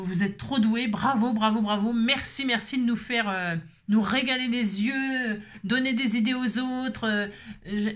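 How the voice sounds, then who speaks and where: Chatty woman craft vlogger with a fairly high voice, playful and rambling, peppering her lines with "hein". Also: a bit bright. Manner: bubbly, chatty, playful, sings snippets; repeats "hein" constantly. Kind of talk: casual chat.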